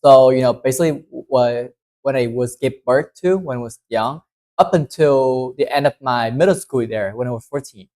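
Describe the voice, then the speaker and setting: A man from southern Vietnam speaks English as he co-presents a workshop. He talks earnestly, looping back on his phrases and leaning on "you know" and "like." His pitch stays at an ordinary middle level. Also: normal speed, warm tone. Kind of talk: casual workshop talk.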